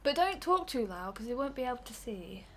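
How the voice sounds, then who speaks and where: A woman's voice: fairly high pitch, sing-song, brisk, fairly bright tone. A young woman co-commentating a let's play, chatty and teasing, often laughing. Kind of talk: casual gaming commentary.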